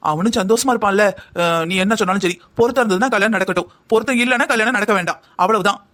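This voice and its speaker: A woman's voice: medium pitch, very fast, a bit bright, lightly acted. A woman voicing an anxious, scheming middle-aged mother who talks in a dramatic, self-pitying way in a cartoon drama. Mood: fretful.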